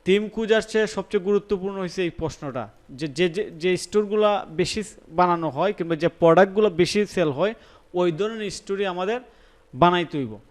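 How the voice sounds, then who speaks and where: A man's voice: high voice, a little fast. A young man with a Sylheti-tinged Bangla accent teaching a live online class, thinking aloud, repeating words and checking that students follow. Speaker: instructor.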